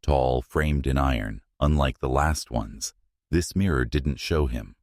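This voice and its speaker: A man narrating a scripted horror story in a hushed, suspenseful manner, in short, measured phrases. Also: rumbling low, no echo, studio quality.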